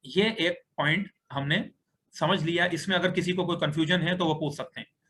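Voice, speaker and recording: A man's voice: on the high side, a bit bright. A man teaching an online Arabic grammar lesson on a video call, patiently explaining step by step as he writes. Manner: patient, explains step by step while writing on screen.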